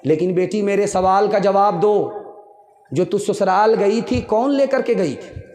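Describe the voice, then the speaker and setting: Man voicing loving mother, wise, gentle, sermon cadence, echoey room. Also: high-pitched, a little slow. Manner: preaching cadence, repeating phrases.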